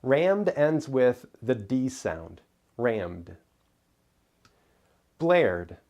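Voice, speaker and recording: Slow, deliberate male pronunciation teacher. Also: mid-range voice, very animated, a little mellow. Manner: careful, deliberate enunciation of single words. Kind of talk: scripted instructional narration.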